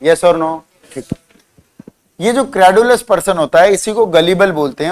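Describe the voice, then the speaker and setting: A man teaching a vocabulary lesson in a classroom, spelling words out letter by letter, quizzing and teasing his students. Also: a little high. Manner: teasing, scolding banter with students. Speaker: English teacher.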